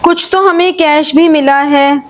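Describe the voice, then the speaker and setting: A woman teacher leads a live class at an unhurried pace. She reads each question out slowly, then explains it in a Hindi-mix and keeps checking that the students follow. A faint hiss sits behind her voice. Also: high voice, fairly even intonation, low-quality recording. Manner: checks understanding with frequent "ठीक है" and questions. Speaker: accountancy teacher. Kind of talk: live online class, solving problems step by step.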